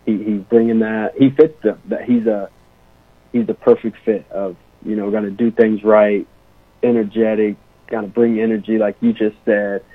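Animated young man on a phone line. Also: on the low side, moderate pace, breathy edge, no room sound. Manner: animated storyteller, many fillers. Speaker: assistant basketball coach, guest. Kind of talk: casual interview storytelling. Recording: tinny phone-line sound.

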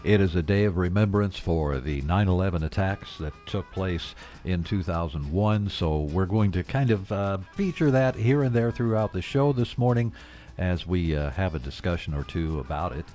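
A man's voice: low voice, normal speed, dark tone, soft background music. A man hosting a local radio show and reading the news. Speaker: radio host and newsreader.

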